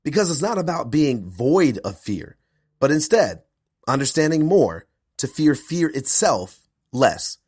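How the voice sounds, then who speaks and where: A male podcast host and performance coach delivering an earnest intro monologue, his voice hoarse from a cold. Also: on the high side, unhurried, dry recording, clean studio sound. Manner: earnest, animated, self-promoting.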